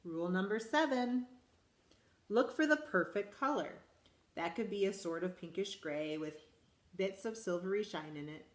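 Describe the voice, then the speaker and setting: Woman principal, children's story read-aloud, animated and expressive, echoey room. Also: mid-range voice, normal speed. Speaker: school principal reading aloud.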